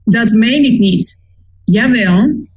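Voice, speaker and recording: A woman's voice: a little high, very slow, slightly rough, poor audio. A woman in an online language lesson, reading example sentences and adding short explanations.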